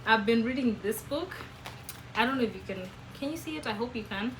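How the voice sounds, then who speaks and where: A woman with a Kenyan accent, hosting a casual vlog and chatting to the camera with lively, emphatic jumps in her voice. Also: fairly high pitch, fairly quick, noisy background. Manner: animated, expressive, with sudden emphatic jumps. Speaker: vlogger host.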